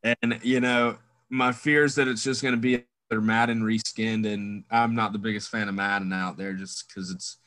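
A man's voice: on the low side, steady tone, normal speed, a bit bright, dry recording. A man co-hosting a podcast in casual sports chat, thoughtful and weighing both sides. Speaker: podcast co-host.

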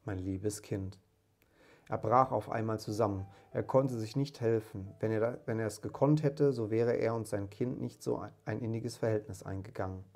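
A man narrating an audiobook of a classic tale in a calm, measured storytelling manner. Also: on the low side.

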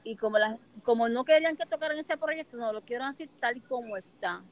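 A woman talks casually, her voice a little high. She is expressive, acting out both sides of the conversations she recounts. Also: a little fast, rough recording. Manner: expressive, acts out dialogue in her anecdotes. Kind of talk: casual chat.

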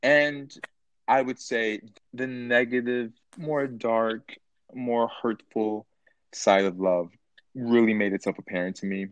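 A man in his twenties, a podcast guest chatting casually, playful and animated, jumping high in pitch for emphasis. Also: slow pace, no echo, highs cut off. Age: 20s. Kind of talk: casual chat.

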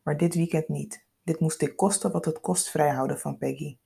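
A young woman, guarded but warming up, talks in an easy, casual way. Her voice sits low and husky with some gravel in it, as a woman narrator reads her lines. The tone is dark and mellow. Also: fairly even intonation, moderate pace, heavily acted.

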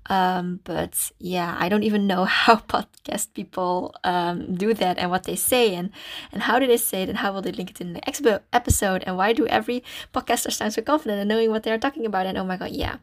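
A Dutch woman in her early twenties hosts a casual solo podcast, speaking into her phone inside a small closet with a towel over her head. Her voice is mid-range, and she comes across self-conscious and rambling.

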